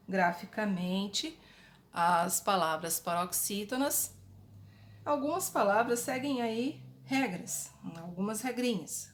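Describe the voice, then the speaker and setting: A Brazilian woman teacher giving a slow, patient lesson to young pupils and repeating the key points. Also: mid-range voice. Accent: Brazilian Portuguese. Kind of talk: recorded online class for children. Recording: echoey room.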